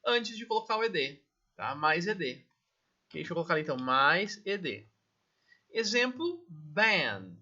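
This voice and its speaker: Brazilian male English teacher, patient step-by-step explainer, tense bright tone. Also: fairly high pitch, sing-song, a little slow, lo-fi sound. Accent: Brazilian Portuguese. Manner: explains step by step, checks in with "tá?" and "né?" constantly. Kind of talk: recorded grammar lesson.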